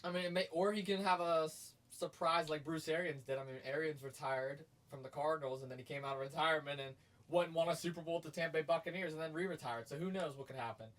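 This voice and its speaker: A man's voice: fairly high pitch, quick pace. A man co-hosting a sports podcast, chatting casually and getting emphatic and hyped as he argues his points. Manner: energetic and emphatic, gets loud and hyped.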